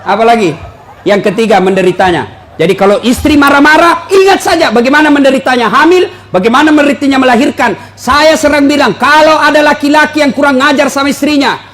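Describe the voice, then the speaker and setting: A man preaching a humorous sermon, joking and animated, swinging between loud bursts and low asides. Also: fast. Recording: faint background noise.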